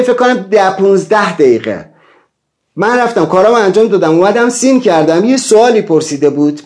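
Man, self-help teacher, higher-leaning voice, animated lecturing, lists and repeats, restarts words. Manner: animated, wide swings in pitch. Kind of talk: lecture to an online class.

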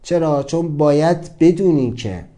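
A young adult man with a fairly high but dark, mellow voice, talking earnestly about mindset and dreams. He speaks urgently and repeats himself for emphasis, like a casual motivational talk.

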